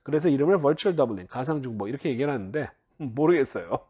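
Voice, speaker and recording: A man's voice: medium pitch, expressive, fast, mellow, breathy edge. A man teaching Hebrew grammar in a lecture, explaining step by step with frequent prompts and self-corrections. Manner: explanatory, uses many "자" prompts, self-corrects and laughs lightly. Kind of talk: recorded classroom-style lecture.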